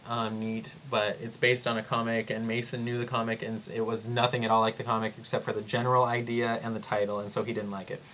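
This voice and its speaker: A young man telling travel stories in a casual vlog, rambling and excitable, full of "like" and acted-out quotes. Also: mid-range voice, a little hiss or hum. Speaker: vlogger.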